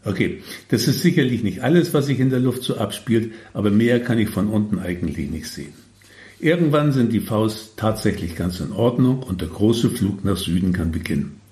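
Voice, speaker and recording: A man's voice: lowish voice, animated, normal speed, warm tone, echoey room. A man reading his own humorous story with wry, tongue-in-cheek asides.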